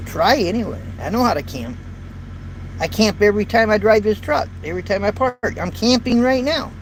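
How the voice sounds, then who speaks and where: A truck driver in his fifties chats casually with viewers on a live stream from his parked cab, rambling in a folksy way and repeating words. His light male voice sits high, with lively intonation at a moderate pace. The built-in phone or camera mic gives poor audio, with faint road and traffic noise behind him.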